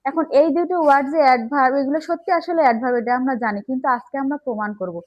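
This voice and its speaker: A woman's voice: high voice, racing, lo-fi sound. A woman teaching an English grammar lesson, explaining step by step and checking in with the class.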